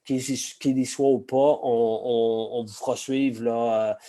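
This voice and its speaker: A middle-aged man with a Québécois accent, slightly hoarse today, presenting an online masterclass over a video call in a chatty way full of hesitations and asides. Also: medium pitch, level tone, unhurried, warm tone. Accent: Québécois French. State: slightly hoarse, frog in the throat. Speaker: sake expert giving a masterclass.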